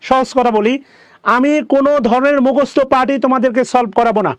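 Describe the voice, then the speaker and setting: A man teaching a grammar lesson, explaining answers and repeating each word slowly for his students. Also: very high-pitched, fairly even intonation, clear, resonant tone, dry recording.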